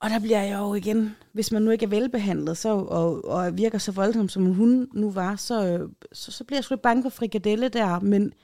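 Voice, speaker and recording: A woman's voice: mid-range voice, steady tone, few pauses, warm tone, no echo, clean studio sound. A woman from Denmark, a podcast co-host, telling a story in casual chat and acting out the quotes of the people in it with changed voices.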